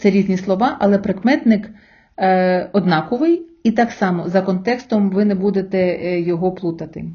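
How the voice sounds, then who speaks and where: Patient woman teaching, dull lo-fi sound. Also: mid-range voice. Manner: slow, patient explaining with pauses for repetition. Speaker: Spanish teacher. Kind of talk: recorded language lesson.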